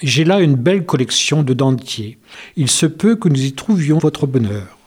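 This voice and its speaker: A man's voice: on the high side, sing-song, normal speed, a little mellow, husky. A man voicing a male dentist who teases his patient in a storybook reading. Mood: obliging. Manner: teasing, mock-solemn. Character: male village dentist, wry and teasing.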